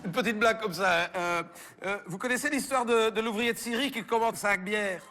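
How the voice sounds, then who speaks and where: A Belgian French comedian on stage, doing one side of a phone call, stammering and bemused. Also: male voice, sits high, a little fast, pushed and bright, in a large hall. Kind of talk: stand-up phone sketch. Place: theater stage with audience.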